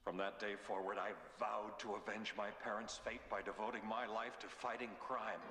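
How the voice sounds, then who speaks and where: Brooding, resolute cartoon vigilante. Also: male voice, fairly low pitch, level tone, moderate pace, bright, forceful tone. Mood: solemn. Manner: solemn, earnest, dramatic. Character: brooding, resolute adult male masked vigilante. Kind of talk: animated cartoon drama. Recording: hall reverb, music underneath.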